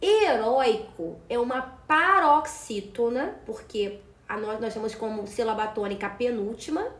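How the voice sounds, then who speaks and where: Brief: Brazilian woman teacher, high voice, echoey room, patient explanatory exam-prep lesson. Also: normal speed. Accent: Brazilian Portuguese. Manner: explanatory, repeats "né" and "tá" to check understanding.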